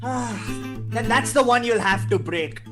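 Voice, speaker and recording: A woman's voice: fairly high pitch, unhurried, close to an everyday voice. A woman playing a gleeful, taunting male criminal madman in a script read, drawling theatrically. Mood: manic glee. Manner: theatrical, drawling, breaking into cackles. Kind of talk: table read of a film script. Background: live guitar music.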